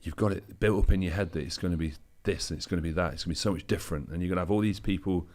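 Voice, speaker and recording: Guest spot: a man with a very low voice, relaxed anecdotal talker. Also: rapid-fire. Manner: easygoing anecdotal storytelling, loose with fillers. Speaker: bodybuilder guest. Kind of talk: casual interview chat.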